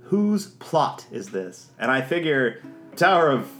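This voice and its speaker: A man's voice: mid-range voice, big pitch swings, slow pace. A man playing a tabletop game, joking and describing his character's actions. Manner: joking, chatty. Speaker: player. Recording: roomy recording with soft guitar music.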